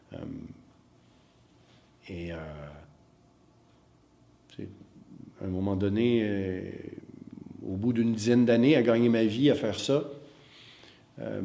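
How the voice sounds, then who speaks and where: A middle-aged acting teacher from Northern Ontario answers interview questions reflectively in a very low, mellow voice. He hesitates a lot, using many fillers, pausing often and repeating words while searching for the right phrase.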